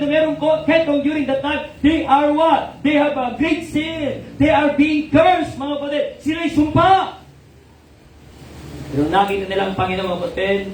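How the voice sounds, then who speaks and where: A man's voice: very high voice, reverberant, recorded from a distance, a little hiss or hum, poor audio. A man with a Filipino accent preaching a sermon in a church, switching between Tagalog and English and often asking the congregation "amen?". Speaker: pastor. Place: church hall.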